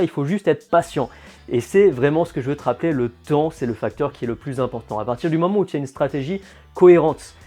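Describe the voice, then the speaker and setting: A man, a fitness and nutrition coach, talking straight to the viewer in a casual explainer vlog with lively, direct, sarcastic asides. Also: on the high side.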